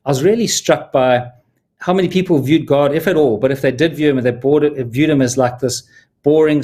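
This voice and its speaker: A Zimbabwean film producer hosts a casual live stream in a medium-pitched, slightly mellow voice. He speaks earnestly and from the heart, with small restarts.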